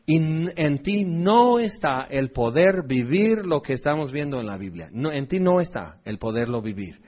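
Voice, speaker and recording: A man's voice: fairly high pitch, sing-song, normal speed, darkish tone. Man teaching the Bible, lo-fi. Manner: conversational, asks rhetorical questions, checks in with "ok". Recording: dull lo-fi recording.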